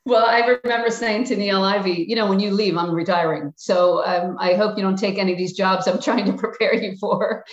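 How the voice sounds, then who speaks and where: Talking fairly quickly with few pauses in a medium-pitched voice, a retired basketball coach from Philadelphia answers interview questions frankly and plainly. She acts out quotes of herself and her players, and the room sounds echoey and dull.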